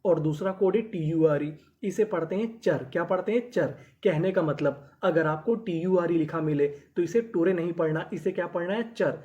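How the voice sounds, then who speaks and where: Man, English teacher, mellow warm tone, repeats his own questions and answers, slow letter-by-letter sounding out. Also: fairly high pitch, lo-fi sound. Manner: asks questions and answers them himself, drilling by repetition; sounds out letters slowly, then blends them into words. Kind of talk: phonics lesson for Hindi speakers.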